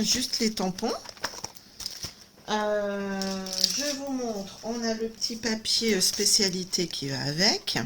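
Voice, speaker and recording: Chatty woman with a somewhat low voice. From France. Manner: chatty, enthusiastic, many fillers and little exclamations. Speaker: craft video host. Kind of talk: casual live unboxing chat. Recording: noisy home recording.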